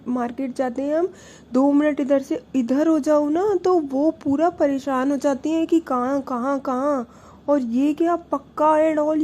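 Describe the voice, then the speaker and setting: A woman's voice: sits high, voice pushed up. A woman voicing a distraught, tearful young woman who pleads and protests, close to crying. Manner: pleading, near tears, rising to shouts.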